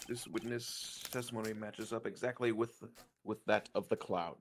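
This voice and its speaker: A woman voicing a stern older male judge while reading a game aloud with voices, speaking in slow, grave pronouncements. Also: extremely low pitch, fairly even intonation, background noise.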